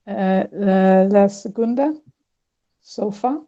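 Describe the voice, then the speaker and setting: Woman, learner, very slow, mellow voice, hesitant, repeats words, dull lo-fi audio. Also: medium pitch. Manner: hesitant, repeating words slowly to practise them. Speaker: language student.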